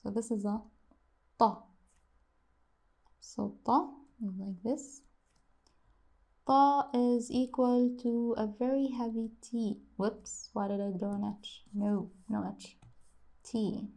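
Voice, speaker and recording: A woman's voice: on the high side, steady tone, takes it slowly, vocal fry, warm tone. A woman teaching how to write and pronounce letters in a casual lesson, repeating each sound many times and musing aloud as she draws. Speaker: language teacher.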